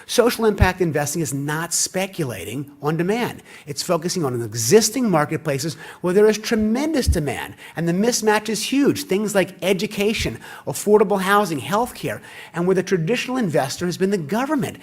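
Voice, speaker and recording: Man, keynote speaker, husky, fairly high voice, lively storyteller. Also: normal speed. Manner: animated storyteller acting out quoted dialogue. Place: conference hall.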